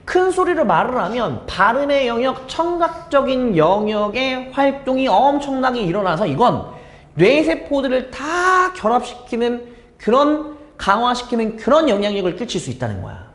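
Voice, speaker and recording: A man with a fairly high voice explains an English exam passage to students. His pitch climbs and drops over a wide range as he asks questions and answers them himself. The room around him sounds echoey. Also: very animated, normal speed, a bit bright. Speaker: English teacher.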